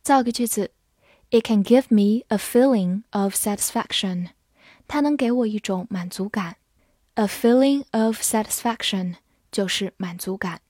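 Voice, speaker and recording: A woman teaching English vocabulary, spelling words out letter by letter and reading example sentences slowly. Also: mid-range voice, darkish tone, no room sound, studio quality. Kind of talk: vocabulary lesson.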